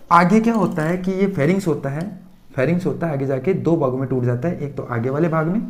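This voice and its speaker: A man's voice: fairly high pitch, mellow. A man teaching a science lesson, asking the students questions and then repeating the answers back. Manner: repetitive call-and-response questioning. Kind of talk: classroom-style lesson.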